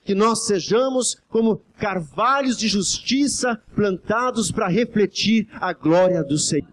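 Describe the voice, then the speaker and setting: A man's voice: sits high, measured pace, slight background noise. A man, a pastor, preaching a fervent evening sermon in church, exhorting the congregation and often calling out to the brothers and asking for amens. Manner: constantly addresses "brothers" and asks for amens. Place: church service before a congregation.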